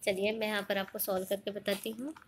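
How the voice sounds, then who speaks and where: A woman's voice: medium pitch, little pitch movement, a little fast, a little hiss or hum. A woman teaching an online grammar lesson, explaining step by step, asking the class questions and mixing in English words.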